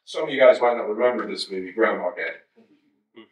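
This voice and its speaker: A man's voice: fairly low pitch, normal speed. Wry man in his fifties, keynote in a roomy hall. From United States. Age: 50s. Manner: conversational and wry, with asides to the audience. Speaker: keynote speaker. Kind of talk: conference keynote talk. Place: large darkened conference hall. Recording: roomy hall sound from a distance.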